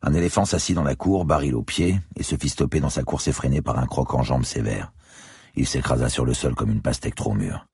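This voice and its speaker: A man narrating a crime novel in the first person, wry and measured. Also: a bass voice, a little mellow, slightly rough, no room sound, studio quality. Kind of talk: audiobook narration.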